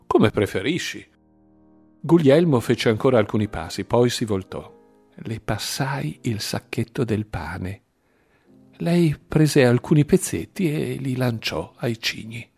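A man reading a dark novel aloud in measured, dramatic narration. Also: mid-range voice, expressive, gravelly, breathy edge, soft background music. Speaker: audiobook narrator. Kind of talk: scripted narration.

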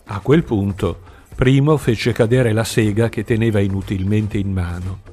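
A man reading a novel aloud as a narrator, in measured storytelling. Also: lowish voice, mellow, faint music behind. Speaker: audiobook narrator. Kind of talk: scripted narration.

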